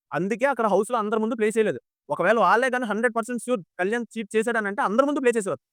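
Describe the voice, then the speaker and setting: A man's voice: high voice, fairly bright tone, dry recording, studio quality. A man giving casual commentary on a reality show, firing rhetorical questions at his viewers. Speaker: YouTube commentator.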